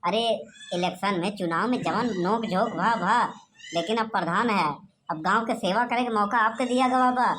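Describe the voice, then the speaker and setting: A woman voicing a sly, haggling village man in a cartoon, talking in loud rustic Awadhi with constant tag questions. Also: mid-range voice, moderate pace, a little hiss or hum, natural voice. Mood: pleading complaint. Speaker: villager voter. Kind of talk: cartoon comedy voice acting.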